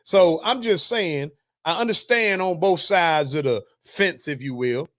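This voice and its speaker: High-pitched man ranting on a livestream. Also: a little slow, a bit bright. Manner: wry, preachy, jokes and laughs between points, reads comments aloud. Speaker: host. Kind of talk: casual commentary reading news and chat comments.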